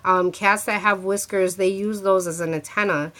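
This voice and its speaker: In a casual talk to camera, a woman holds up a handmade crystal ring for her viewers, her voice congested and her throat sore from a cold. She speaks mid-range with a steady tone and moderate pace, a little bright, and her talk is full of restarts and fillers.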